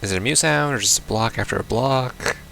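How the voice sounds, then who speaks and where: Reading out the text of a visual novel as he plays, this gamer swears and sounds baffled in his casual commentary. He talks fairly quickly in a mid-range voice with vocal fry and a fairly bright tone, over a little hiss or hum.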